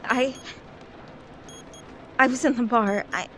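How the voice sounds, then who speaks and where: A woman's voice: on the high side, steady tone, slow, bright, forceful tone, slight background noise. An actress voicing a terrified woman trapped in a deadly device, screaming and pleading in panic.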